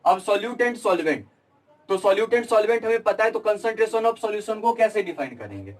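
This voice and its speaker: A man's voice: high-pitched, lively intonation, slow, recorded from a distance, low-quality recording. A young man teaching chemistry at a board, repeating his own questions and answering them. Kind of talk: classroom lecture at a board.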